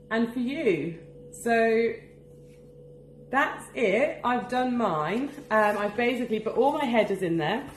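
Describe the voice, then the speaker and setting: A woman's voice: medium pitch, roomy sound, a little hiss or hum. Upbeat chatty woman vlogging. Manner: chatty and upbeat, laughs often. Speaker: vlogger and business owner. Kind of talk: casual daily vlog. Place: at home, indoors.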